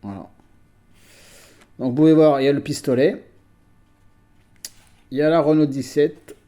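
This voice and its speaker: A man with a mellow, dark voice talks casually to his viewers from home. He is chatty and hesitant, often pausing on fillers and restarting his sentences. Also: fairly high pitch, steady tone. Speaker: collector vlogger. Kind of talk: casual chat.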